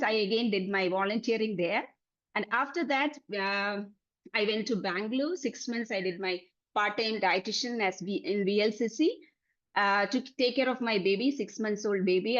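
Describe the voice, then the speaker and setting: Speaking with a Malayali accent, a woman from Kerala, India, in her forties describes her career journey as a dietitian in a personal presentation. Her pitch is medium, and the audio loses its high frequencies.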